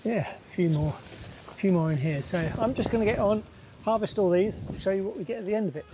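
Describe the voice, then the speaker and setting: Man, outdoors, relaxed chatty gardener, thinking aloud, somewhat high voice. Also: quick pace. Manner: chatty, easygoing, thinks aloud with many fillers. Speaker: allotment gardener, channel host. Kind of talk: casual narration while gardening. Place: outdoors on an allotment plot.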